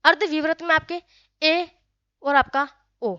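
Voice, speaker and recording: A woman teacher giving a grammar lesson, often quizzing her students and sounding out vowels slowly. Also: high-pitched, pushed and bright, no room sound, dull audio. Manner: frequent questions to students, addresses them as friends.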